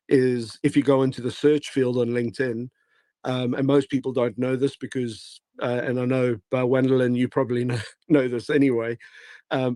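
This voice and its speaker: A man with a hoarse, failing voice giving casual, rambling advice as a guest in a live online audio room, with many fillers and restarts. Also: medium pitch, warm tone, no room sound. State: hoarse, losing his voice. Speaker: guest speaker.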